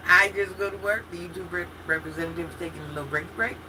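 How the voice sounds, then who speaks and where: A woman in her fifties hosts a relaxed livestream, chatting openly with her viewers and reacting to their comments. She talks candidly and laughs easily. A steady air-conditioning hum runs under her voice. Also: fairly low pitch, quick pace. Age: 50s. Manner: chatty and candid, talks straight to chat with frequent laughs and restarts. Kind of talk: casual chat.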